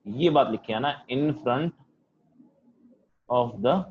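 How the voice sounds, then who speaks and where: हिंदी लहजे वाले ऊँची आवाज़ में पढ़ाते शिक्षक. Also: male voice, mid-range voice, drawn-out words, highs cut off, a little hiss or hum. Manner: talks loudly to students, says he is shouting. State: voice feels strained from shouting. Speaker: physics teacher. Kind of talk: online class lecture. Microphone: computer mic on video call.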